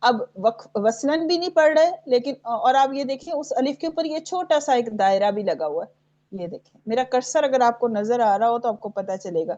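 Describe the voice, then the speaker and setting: A woman teaching an online tajweed class, reciting verses slowly and patiently. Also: fairly high pitch, lively intonation, warm tone, lo-fi sound. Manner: patient, recites verses slowly, checks in often with "theek hai".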